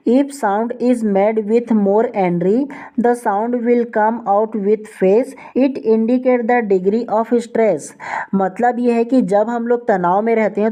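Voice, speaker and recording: Woman teacher, mellow voice, reads definitions slowly, explains step by step, exam-prep lesson. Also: mid-range voice. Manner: repeats the question "what will we call it?" before each answer.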